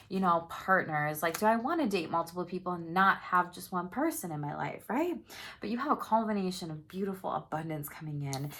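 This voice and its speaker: A woman's voice: fairly low pitch, fairly bright tone. A young adult woman giving a casual tarot reading to camera, chatty and upbeat, swearing easily and laughing often. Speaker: tarot reader.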